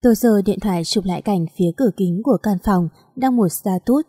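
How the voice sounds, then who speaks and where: A woman reading a story aloud in a steady, even narration. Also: mid-range voice, brisk, slightly rough, no room sound, clean studio sound.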